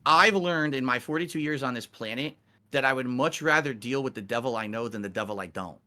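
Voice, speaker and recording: Streamer host, man, 40s, bright voice, defensive and emphatic, swears freely. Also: medium pitch, fairly quick. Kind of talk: heated call-in debate.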